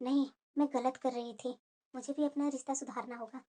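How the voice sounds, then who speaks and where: Cartoon mother-in-law voiced by a woman, very high squeaky voice, remorseful, tender. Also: fairly quick, very noisy. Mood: musing. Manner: musing, then remorseful and tender. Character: stingy mother-in-law, turning kind. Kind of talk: cartoon voice acting.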